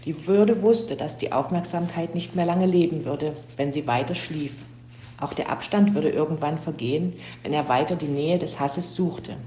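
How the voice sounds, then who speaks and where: A woman reading a children's story aloud in a steady, even storybook narration. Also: deep voice, moderate pace, roomy sound, slight background noise.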